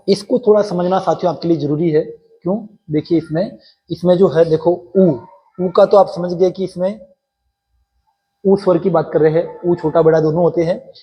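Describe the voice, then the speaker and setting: A man's voice: sits high, breathy edge, lo-fi sound. A male teacher explaining a Sanskrit grammar lesson for exam preparation, going step by step and quizzing his students with repeated questions.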